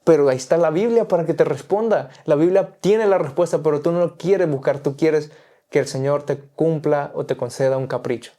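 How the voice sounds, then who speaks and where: Mellow-voiced man preaching earnestly. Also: fairly high pitch, brisk. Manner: earnest, exhorting, repetitive phrasing. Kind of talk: preaching in conversation.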